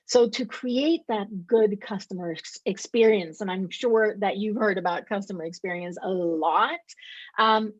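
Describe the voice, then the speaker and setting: A middle-aged woman from Sweden answers interview questions, laying out her points emphatically and often checking in with "right?". Her voice sits at an ordinary pitch for a woman. The recording is dry and a little dull, like a lo-fi call. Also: a little slow, no echo. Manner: explanatory, emphatic, with repeated rhetorical "right?". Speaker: interview guest, company co-founder. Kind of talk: conversational interview.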